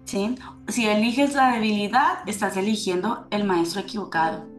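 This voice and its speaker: A woman's voice: medium pitch, steady tone, moderate pace. A woman telling a personal story with emotion and turning it into a spiritual teaching. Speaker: spiritual speaker. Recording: roomy echo with faint music.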